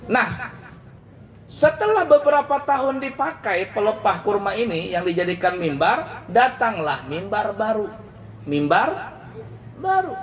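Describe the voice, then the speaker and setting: Man, preacher, high-pitched voice, dramatic storytelling sermon. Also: normal speed. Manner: lively, dramatic storytelling, addressing the congregation.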